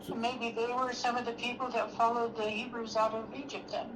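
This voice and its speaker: A woman taking part in a casual group Bible study, agreeable and quick to affirm what others say. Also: a little high, flat delivery, a loud crowd. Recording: noisy recording.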